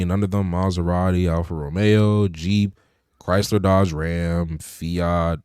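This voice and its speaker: A man's voice: sits low, a little mellow, no room sound, clean studio sound. A young man co-hosting a podcast, chatting casually about cars, laid-back with lots of "you know" fillers. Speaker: podcast co-host. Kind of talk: casual car chat.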